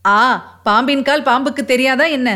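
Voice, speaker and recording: A woman's voice: high-pitched, moderate pace, bright, forceful tone. A woman reading as a teasing young charioteer.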